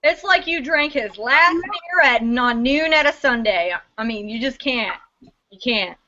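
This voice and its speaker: A woman's voice: high voice, lively intonation, unhurried, bright, forceful tone. A woman co-hosting a casual drinking chat, wisecracking and laughing often. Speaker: podcast co-host. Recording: dull lo-fi recording.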